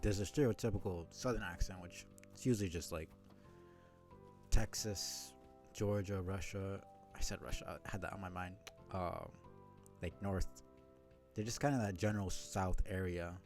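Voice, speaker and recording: Low-voiced man rambling over a game. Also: darkish tone. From New York City. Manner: rambling, thinking aloud, many fillers. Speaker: streamer. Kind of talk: let's-play commentary.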